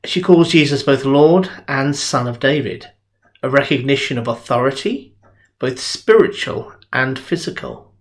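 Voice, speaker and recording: A middle-aged minister gives a sermon into a webcam at his desk, indoors in his home study with bookshelves. His delivery is conversational, earnest storytelling, in an expressive, medium-pitched voice at a measured pace.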